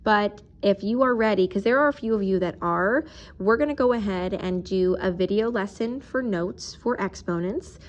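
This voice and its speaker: Woman, teacher, patient, step-by-step, mid-pitched voice, recorded math lesson. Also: moderate pace, dull audio. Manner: patient, explains step by step while writing.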